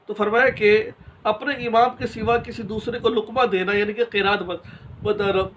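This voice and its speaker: Male religious teacher, high for a man, explains point by point with examples, talks straight to the audience, with a faint hiss underneath. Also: fairly even intonation, a bit bright, muffled recording. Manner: explains step by step with examples and rhetorical questions; addresses listeners directly and informally. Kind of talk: instructional religious lesson.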